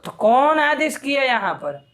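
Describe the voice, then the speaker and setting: High-voiced scolding Sanskrit grammar teacher. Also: male voice, big pitch swings, a bit bright. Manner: brisk, scolding, quizzes students. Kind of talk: live class lesson.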